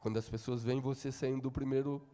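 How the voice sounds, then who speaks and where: A Brazilian man preaching a sermon in a church, calling on the congregation to repeat after him and swinging between quiet talk and shouting. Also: mid-range voice, level tone, fast talker, long reverb tail, faint music behind. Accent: Brazilian Portuguese. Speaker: pastor. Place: church hall.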